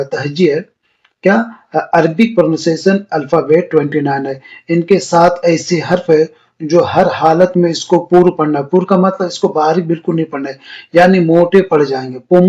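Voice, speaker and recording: A male Quran teacher giving a beginner lesson on the Arabic alphabet, explaining step by step and drawing out each letter slowly. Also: on the high side, a little mellow. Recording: dull lo-fi recording.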